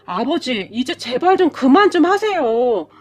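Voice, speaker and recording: Lady voicing a whiny fed-up husband, pleading, pretty high pitched. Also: sing-song, a little slow, darkish tone, soft background music. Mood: whining. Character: exasperated adult son, narrator's husband.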